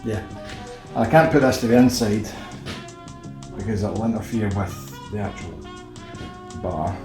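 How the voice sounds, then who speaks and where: A man's voice: lowish voice, a little slow, over music. A man building a kit car in his garage workshop, thinking aloud, muttering and self-deprecating, with a curse under his breath now and then.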